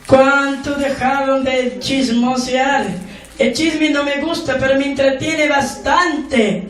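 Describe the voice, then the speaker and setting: A woman pastor preaching a sermon, slow and emphatic, asking the congregation questions again and again. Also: high voice, steady tone. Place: church hall. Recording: echoey church room from far off.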